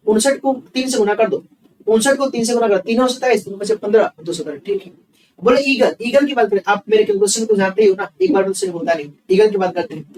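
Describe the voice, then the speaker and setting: A man teaches a reasoning class. His voice sits high, and he talks fast as he counts through the sums aloud, asking his students questions and answering them himself. He sounds a little distant from the microphone. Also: a little mellow. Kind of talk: online exam-prep class.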